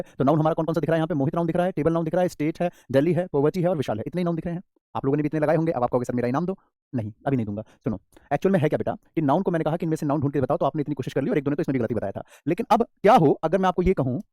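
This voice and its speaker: A man with an Indian accent teaching English grammar in an online class, calling students "beta" and slowly repeating key terms. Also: on the high side, mellow, no room sound, studio quality.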